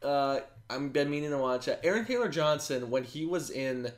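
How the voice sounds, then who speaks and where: A man's voice: on the high side, normal speed. A man co-hosting a podcast, chatting casually and rambling with enthusiasm, laughing often. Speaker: podcast co-host. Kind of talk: casual chat.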